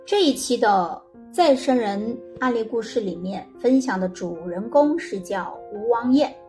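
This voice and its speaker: A woman hosting and narrating a story in a gentle, conversational way, with small filler pauses. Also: on the high side, animated. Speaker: host. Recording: faint background music.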